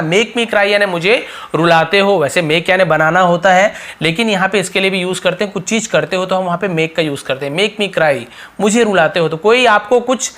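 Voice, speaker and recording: Man slowly spelling out example sentences. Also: high-pitched, a bit bright. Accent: Hindi. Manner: slow, drawn-out example sentences with word-by-word explanations. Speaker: English teacher. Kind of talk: spoken English lesson for learners.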